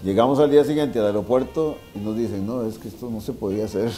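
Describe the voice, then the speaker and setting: Soft background music plays in the indoor wine bar dining room where this interview guest speaks. He's a Costa Rican sports journalist in his sixties who tells casual anecdotes fast in a fairly low, dark voice, repeating phrases for emphasis and using tag questions.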